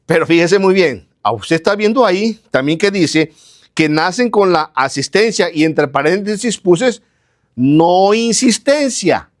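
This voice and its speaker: A man's voice: high-pitched, lively intonation, moderate pace. A man preaching a sermon, asking questions and answering them himself, repeating phrases in lists, speaking straight to his listeners. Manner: addresses listeners directly.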